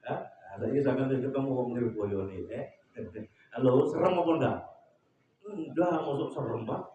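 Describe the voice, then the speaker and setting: East Javanese preacher in an echoey hall. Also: male voice, medium pitch, moderate pace, mellow, highs cut off, a little hiss or hum. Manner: humorous storyteller who acts out quotes and questions the audience. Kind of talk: sermon at a neighborhood religious gathering. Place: neighborhood religious gathering. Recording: echoey, far from the mic.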